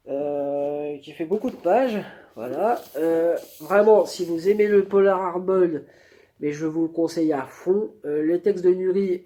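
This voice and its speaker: A man's voice: fairly high pitch, mellow. A man giving a spontaneous face-to-camera book review, hesitating often with fillers and restarts. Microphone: camera mic.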